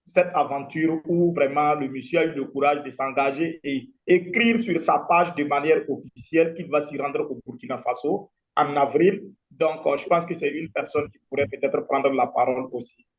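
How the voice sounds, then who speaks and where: A man's voice: on the high side, moderate pace, hardly any pauses. A man organizing a festival, speaking politely and formally on a video call.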